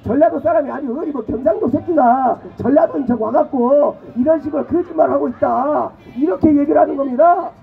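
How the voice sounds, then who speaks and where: A young man from Jeolla with a Jeolla dialect gives an impassioned political rally speech, prodding the crowd with rhetorical questions and shouting at times. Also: extremely high pitch, brisk, vocal fry, hardly any pauses. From Jeolla, South Korea. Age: young adult. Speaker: rally speaker. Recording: tinny phone-like audio with faint noise.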